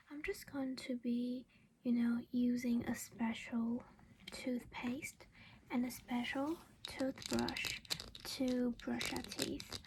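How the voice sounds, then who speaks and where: In this close-miked ASMR roleplay, a woman plays a doting vampire mom looking after her human child. Her whisper is highish, breathy and dotted with soft creaky voiced patches, and she reassures and coaxes gently as you would a child, over a noisy background.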